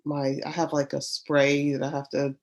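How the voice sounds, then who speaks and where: Low, stuffy-voiced woman chatting laxly. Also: little pitch movement, moderate pace, a little mellow. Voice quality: congested, stuffy-sounding. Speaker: sewing group member showing her projects. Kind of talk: casual chat.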